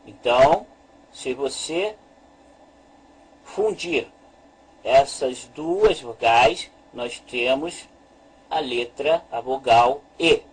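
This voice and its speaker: A man teaching a methodical lesson, slowly repeating his points and pointing to a chart as he explains. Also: mid-range voice, breathy edge, low-quality recording. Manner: slow, deliberate, repeats points with "veja bem". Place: at a screen with a chart.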